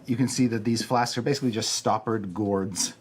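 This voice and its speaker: A man in a tabletop game describing a creature slowly, with halting fillers. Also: on the low side, fairly even intonation, a little hiss or hum. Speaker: player and narrator.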